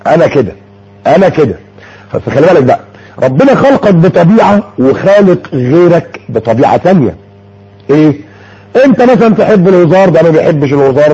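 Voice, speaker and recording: Egyptian preacher, quick and lively. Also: male voice, fairly high pitch, breathy edge, highs cut off. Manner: lively, shifting from formal recitation to chatty storytelling. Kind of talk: sermon with colloquial asides.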